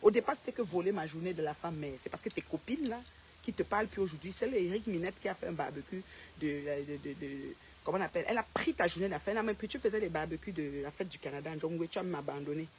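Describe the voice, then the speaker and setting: With a lowish, slightly mellow voice and a fast delivery, a woman rants into the camera as a social media personality. She calls out a rival by name, addressing her directly and pressing the same points repeatedly in a confrontational way, over slight background noise.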